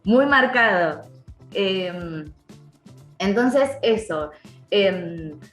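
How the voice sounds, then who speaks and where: A woman's voice: medium pitch, animated, very slow, over music. Argentine woman explaining, echoey room. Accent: Argentine Spanish. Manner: explanatory, demonstrates sounds by repeating words. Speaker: voice-over artist and dubbing actor, guest. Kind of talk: podcast interview.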